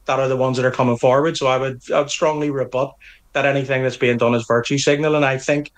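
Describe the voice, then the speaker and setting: Speaking quickly and with little pitch movement, this middle-aged man from Northern Ireland represents a police association. He responds to interview questions firmly and earnestly in a mid-range voice, frequently starting his phrases over.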